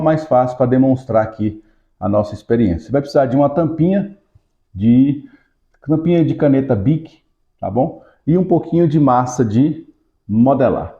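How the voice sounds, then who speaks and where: A pastor teaches a Sunday school lesson through a hands-on demonstration, walking his listeners through it step by step and checking in with them. When casting out, his pitch rises into a rhythmic command. The recording is muffled, and the room echoes.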